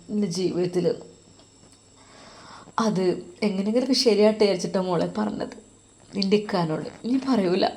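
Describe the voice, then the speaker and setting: A woman's voice: mid-range voice, warm tone, close to an everyday voice. A woman with a Malappuram accent voicing a caring elder sister-in-law who pleads in a tearful tone. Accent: Malappuram Malayalam.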